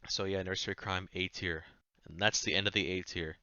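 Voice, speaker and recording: Low-voiced man, casual and offhand. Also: fairly even intonation, fairly quick, bright, forceful tone, clear, resonant tone, no room sound, lo-fi sound. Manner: rambling, offhand, swears casually. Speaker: music reviewer. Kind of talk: casual chat.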